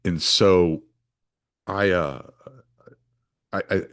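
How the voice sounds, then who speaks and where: A man's voice: low voice, fairly even intonation, drawn-out words, fairly bright tone. A man, hosting a solo podcast in a rambling, casual way full of restarts and fillers. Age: 40s. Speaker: podcast host.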